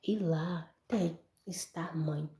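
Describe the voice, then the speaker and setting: In a roomy, echoing space, a Brazilian woman with a Brazilian Portuguese accent gives an emotional testimony to a church audience, addressing them as brothers and folks. She speaks very slowly in a low, gravelly voice with a dark, mellow tone.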